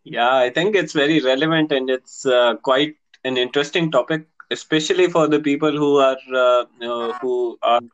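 Halting Pakistani-accented man, medium pitch. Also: fairly even intonation, lo-fi sound. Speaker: podcast co-host. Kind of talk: casual podcast chat.

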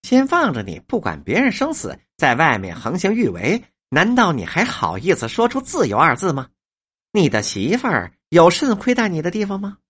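A woman voicing a fierce, sharp-tongued older wife in a storybook reading, lecturing with scorn. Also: fairly low pitch, huge pitch swings, normal speed, husky, full character voice. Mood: scornful.

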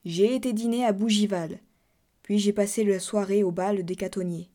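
Mellow woman reading a classic tale aloud. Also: medium pitch, fairly even intonation, moderate pace. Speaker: reader. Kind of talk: literary audiobook narration.

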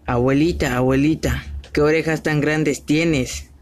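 A man voicing an eager, polite little girl in a read-aloud fairy tale, with a slightly raised pitch. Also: little pitch movement, moderate pace, darkish tone, natural voice. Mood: puzzled.

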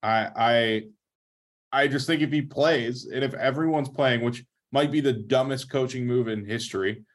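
A man's voice: medium pitch, unhurried. Hesitant man giving football picks. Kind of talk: casual sports podcast talk.

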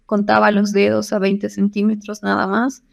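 A woman's voice: medium pitch, monotone, moderate pace, gravelly. A woman from Bolivia, an eye doctor, telling clinic anecdotes in a casual interview, full of fillers and acted-out quotes. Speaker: ophthalmologist guest.

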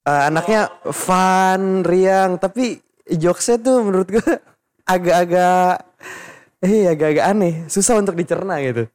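A man's voice: sits high, measured pace, darkish tone. A young man hosting a casual podcast chat, teasing his guest, laughing often and talking in slang. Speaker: podcast host.

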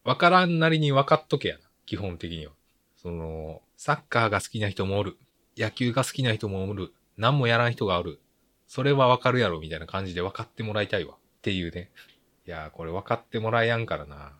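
A man with a fairly low voice and a Kansai Japanese accent chats casually on his own, as in a film review podcast. His delivery is blunt and colloquial, wandering through grumbly asides. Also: lively intonation, fairly quick, fairly bright tone. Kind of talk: casual solo movie-review chat.

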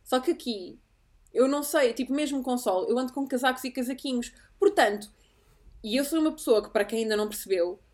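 A woman's voice: sits high, fairly quick, darkish tone. A young woman with a European Portuguese accent in casual podcast chat, opinionated and slangy, slipping into English. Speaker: podcast co-host.

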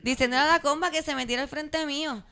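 A woman's voice: high voice, steady tone, fast talker, bright, forceful tone. A Puerto Rican woman co-hosting a podcast, telling a story in blunt, casual talk full of swearing. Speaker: podcast co-host. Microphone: studio microphone.

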